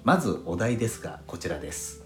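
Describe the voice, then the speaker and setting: Solo podcast host, man from Fukushima, low and animated delivery, roomy recording. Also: quick pace. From Fukushima, Japan. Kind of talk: solo audio podcast talk. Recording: roomy sound with faint background music.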